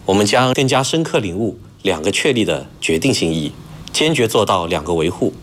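A man gives a prepared official statement in a low voice. His intonation rises and falls widely, and his manner is formal and earnest. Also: animated, fairly quick, a little hiss or hum.

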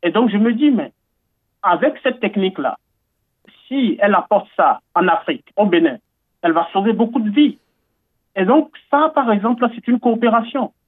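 Heard over a dry, tinny phone-like line, a man from Benin talks on the radio in an expressive, high-pitched voice at normal speed. He is eager and earnest, hesitating often and repeating words.

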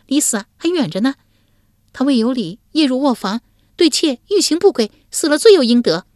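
A woman voicing a clever young wife who speaks in a coy, sharp-tongued and deliberate way in a storytelling recording. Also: high-pitched, sing-song, no echo, studio quality, pitched above the performer's own voice. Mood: scheming.

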